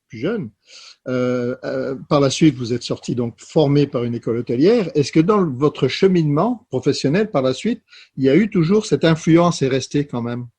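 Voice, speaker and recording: A man interviewing a guest, asking long, measured questions with pauses and fillers. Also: mid-range voice, a little mellow, breathy edge.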